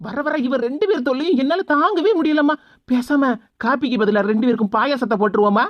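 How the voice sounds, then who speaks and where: A woman's voice: sits high, fast, no echo, lo-fi sound, lightly acted. A woman voicing a fretful, put-upon young daughter-in-law in a cartoon comedy. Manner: fretful, complaining.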